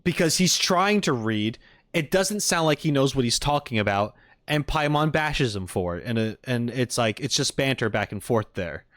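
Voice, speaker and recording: Medium-pitched with lively intonation, a fairly bright tone, and normal speed, a man riffs with his livestream audience while reacting to game content. The banter is playful and jokey, meandering and repetitive. Studio-quality audio, no echo.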